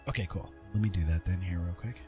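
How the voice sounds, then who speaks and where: A man with a low voice speaks quickly as he hosts a livestream, chatting casually with viewers and thanking them effusively. Music plays behind him throughout.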